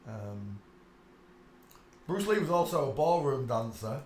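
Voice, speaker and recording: A medium-pitched, sing-song male voice with a darkish tone takes its time against slight background noise. The man, hosting his channel, insistently rambles in a casual monologue while paging through pictures, dropping in many asides and "uh"s, in an echoey room with faint ambience.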